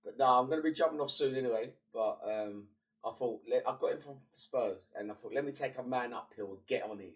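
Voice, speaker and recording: A young man streams a football management game, chatting casually and muttering between bursts, his voice congested and partly gone. It sits at medium pitch and moves a little fast. The mic is far from him.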